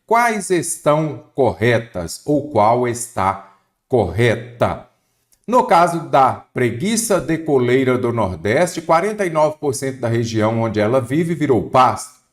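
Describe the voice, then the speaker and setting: A Brazilian man from Minas Gerais with a Brazilian Portuguese accent teaches an online exam-prep lesson. His pitch rises and falls a lot as he quizzes the viewer and answers himself step by step. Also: big pitch swings, measured pace. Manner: didactic, asks and answers his own questions.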